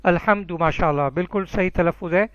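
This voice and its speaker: High-pitched guy teaching arabic online, encouraging, dry dull audio. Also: a bit bright, no room sound. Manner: patient, encouraging, calls students by name.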